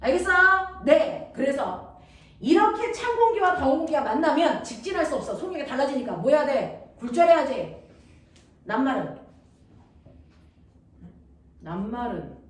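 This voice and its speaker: A woman's voice: sits high, sing-song, moderate pace, pauses often. A woman teaching science to a class, blunt and teasing, checking again and again that the students follow. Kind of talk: classroom lecture. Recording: echoey room, distant mic, noisy.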